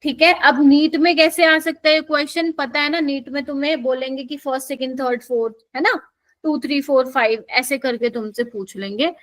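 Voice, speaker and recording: A woman's voice: high voice, steady tone, moderate pace, a bit bright, rough recording. A young woman teaching a live chemistry exam-prep class in Hindi mixed with English terms, quizzing students and often checking that they follow.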